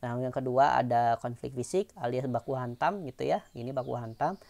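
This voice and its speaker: A woman's voice: extremely low pitch, normal speed, gravelly, warm tone. A woman teacher giving an online lesson, explaining patiently in a chatty way with fillers and tag questions.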